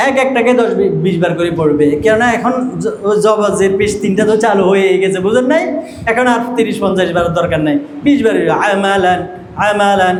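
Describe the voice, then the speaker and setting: A man's voice: sits high, a little fast, echoey room, poor audio. A man training teachers in Quran reading, asking the class questions and answering them himself as he drills syllables.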